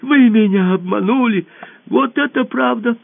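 A man voicing a small, frightened talking ball that squeaks and pleads in a high, thin voice. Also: measured pace, vocal fry, exaggerated voice. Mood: outraged. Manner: pleading, desperate. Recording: tinny phone-like radio audio.

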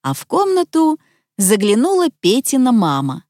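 A woman reading a children's story aloud in a slow, expressive way. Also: fairly high pitch, no echo, clean studio sound. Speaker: narrator.

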